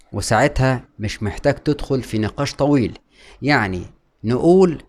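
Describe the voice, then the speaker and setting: A man with an Egyptian Arabic accent, giving a calm explanatory talk to camera as a mental health educator, often repeating key points and asking and answering his own questions. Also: mid-range voice.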